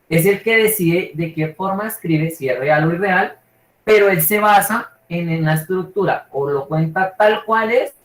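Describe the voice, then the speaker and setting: A man from Colombia with a Bogotá accent, teaching a literature class over a video call in an informal, rambling way, checking in with his students constantly. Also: on the high side. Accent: Bogotá Colombian Spanish. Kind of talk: live online class lecture. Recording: echoey room.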